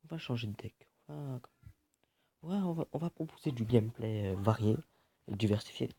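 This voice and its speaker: A man's voice: medium pitch, lively intonation, moderate pace, dark tone, slightly rough, dry recording. A man giving casual, joking gameplay commentary, swearing often and muttering to himself. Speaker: gaming video host.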